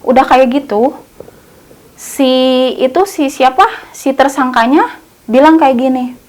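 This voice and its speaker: A woman's voice: high voice, takes it slowly. A woman telling a horror story in a casual, colloquial way, repeating herself often and using many fillers.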